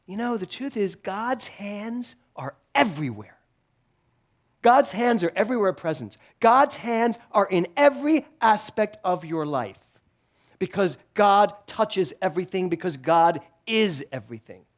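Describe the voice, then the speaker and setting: A middle-aged man preaches in a relaxed, conversational way, with a voice that sits a little high for a man. He tells stories with self-deprecating humor and laughs often between his points. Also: a little slow. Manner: animated storytelling with frequent laughter. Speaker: guest speaker at a spiritual center. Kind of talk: sermon.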